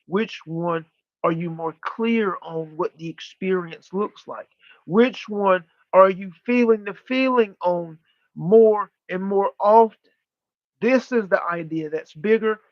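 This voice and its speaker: On a muffled recording with no echo, a man with a high-sitting voice acts as a channeler in a live spiritual session. Like a medium at a seance, he delivers teachings in emphatic, formal, deliberate phrases, pausing and repeating.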